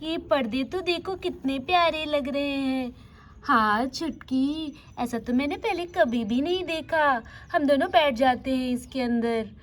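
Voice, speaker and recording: A woman's voice: sits high, a little slow. A woman doing chattering mischievous little girls. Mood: excited. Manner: eager, chattering.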